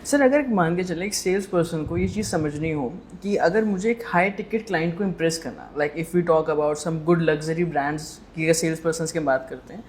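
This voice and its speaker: A woman's voice: lowish voice, slight background noise. Woman podcast host asking long questions. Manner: frequent soft affirmations, long code-switched questions. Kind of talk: interview questions and backchannel.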